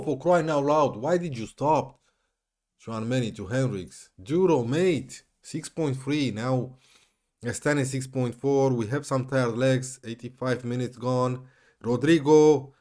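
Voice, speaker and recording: Male gamer, lowish voice, play-by-play let's play commentary, frustrated outbursts. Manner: exasperated, swings from muttering to yelling. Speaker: gaming YouTuber.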